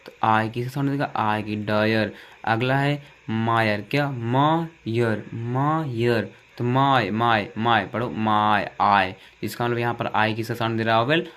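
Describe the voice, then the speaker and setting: A man's voice: medium pitch, fairly bright tone. A young man with a Hindi accent, teaching English vowel sounds by asking questions and answering them himself, with lots of repetition. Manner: repetitive call-and-response drilling, asks and answers himself.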